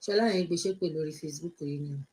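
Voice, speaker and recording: A woman's voice: low voice, rapid-fire, a little mellow, poor audio. A woman in her fifties from Nigeria with a Nigerian accent, chatting outspokenly on a live stream and answering viewer comments, switching between English and Yoruba. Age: 50s.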